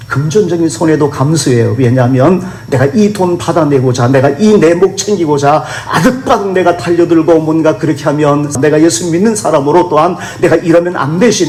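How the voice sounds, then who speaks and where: A man's voice: on the high side, darkish tone, roomy sound. A man preaching a sermon as pastor, earnest and exhorting, voicing the complaints of believers in a raised voice.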